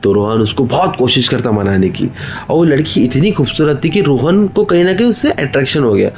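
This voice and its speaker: A man's voice: medium pitch, expressive, fairly quick, a little mellow, a little hiss or hum. A man telling a horror story in a loose, conversational way, with repetition and restarts. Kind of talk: casual spoken horror narration.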